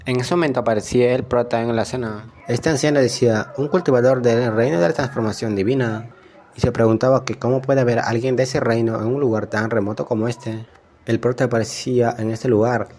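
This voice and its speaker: A man narrating a manga story recap, reading each character's lines in the same even voice. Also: medium pitch.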